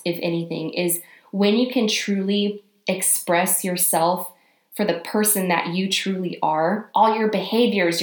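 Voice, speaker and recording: A woman in her twenties hosting a solo podcast, upbeat and bubbly, talking fast when she gets excited. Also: medium pitch. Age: 20s. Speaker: podcast host. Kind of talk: casual solo podcast talk. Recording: roomy echo.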